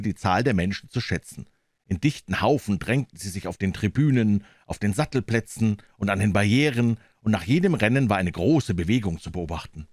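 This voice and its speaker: A man reading a crime story aloud as an audiobook narrator, measured and expressive. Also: fairly low pitch, dry recording, studio quality.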